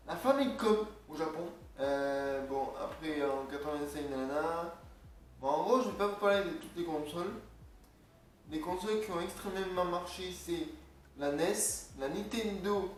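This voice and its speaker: A man's voice: on the high side, normal speed. A young man casually vlogging, rambling and joking while reading from his notes. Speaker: video creator. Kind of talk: casual vlog talk. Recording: echoey room, far from mic, faint noise.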